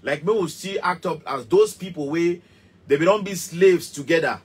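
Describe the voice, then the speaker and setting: Here the man's pitch is fairly high and husky, at normal speed. He's a musician in his thirties with a Cameroonian Pidgin English accent, ranting heatedly to camera in a small studio, gesturing as he passionately and emphatically repeats his points.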